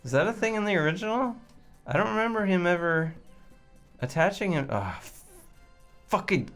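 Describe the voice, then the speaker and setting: A man's voice: sits high, lively intonation, moderate pace, a bit bright, faint music behind. A man giving casual, exasperated gameplay commentary, grumbling and swearing as he plays. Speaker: game player and commentator.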